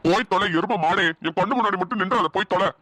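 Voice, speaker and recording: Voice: medium pitch, fast, sharp tone, no echo. A performer voicing a blunt, scolding older village father in a cartoon. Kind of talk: Tamil cartoon dubbing.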